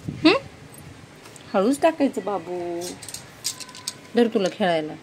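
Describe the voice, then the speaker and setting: A young mother with a Marathi accent talks to her small child in a coaxing, sing-song voice at home. Her pitch sits in the middle range for a woman. Clear background noise runs under her casual home phone recording. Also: sing-song, slow pace. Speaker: vlogger and mother. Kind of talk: casual home vlog, talking to a baby.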